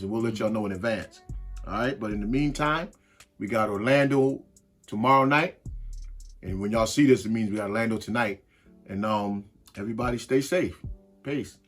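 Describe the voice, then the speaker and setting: A man co-hosting a laid-back basketball talk show, his voice a little husky. He talks loosely, restarting his sentences and slipping into slang. Soft music plays underneath. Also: mid-range voice. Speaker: podcast co-host. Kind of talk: casual sports chat.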